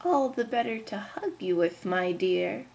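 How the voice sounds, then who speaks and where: A sly, hungry big bad wolf in a read-aloud fairy tale, as a woman storyteller puts him on. He talks loud and drags his words out slowly, with a gravelly edge and a voice that rises and falls widely. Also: medium pitch, expressive, poor audio.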